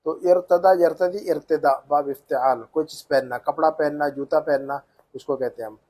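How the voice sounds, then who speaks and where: A man gives an Arabic reading lesson in a patient teaching voice. He explains grammar step by step and slows right down to drill the pronunciation of each word. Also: on the high side, dark tone. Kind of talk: language lesson.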